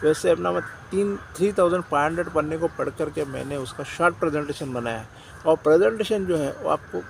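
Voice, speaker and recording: A man's voice: a little high, creaky, slight background noise, low-quality recording. A man with an Indian accent gives a motivational sales talk to insurance agents. He talks directly and repeats his phrases. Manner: direct, repeats phrases, often says "dosto".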